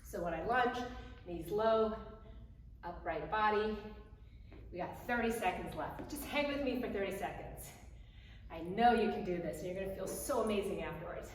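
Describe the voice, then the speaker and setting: A woman fitness instructor coaching a home workout, counting reps and cueing moves in short, encouraging phrases. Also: medium pitch. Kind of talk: home workout coaching while demonstrating exercises. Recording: very echoey room, distant mic, faint noise.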